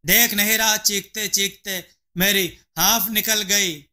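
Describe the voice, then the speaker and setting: A haughty, harsh landlord barks at his poor tenants and his servant, as a man puts him on. The voice sits high and cutting, with a slow, deliberate scolding delivery. It is a storybook villain full of contempt. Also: steady tone, sharp tone, full character voice. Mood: exasperated. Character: arrogant, harsh rich male landlord.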